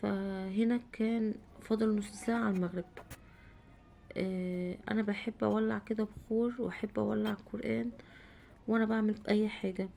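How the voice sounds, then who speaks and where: A woman's voice: medium pitch, level tone, fairly quick, gravelly, long pauses, dark tone, slight background noise. A woman in her thirties with an Egyptian Arabic accent, who has a cold, chatting casually through her cooking day and answering her own questions. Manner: chatty, asks herself questions and answers them. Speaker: home vlogger and mother. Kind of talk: casual cooking vlog narration.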